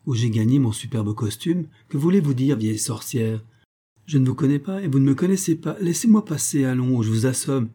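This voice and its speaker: A man doing a curt, respectable gentleman. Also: mid-range voice, lively intonation, brisk, husky. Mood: irritated. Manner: curt, dismissive. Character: respectable, impatient young gentleman. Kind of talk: audiobook character voice.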